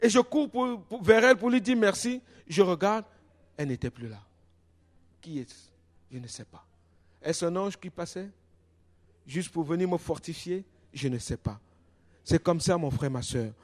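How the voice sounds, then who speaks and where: An animated male pastor preaches with a bright, high voice in a church, moving from hushed storytelling to loud declarations. He presses on with lively, dramatic emphasis. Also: moderate pace, long pauses. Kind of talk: sermon.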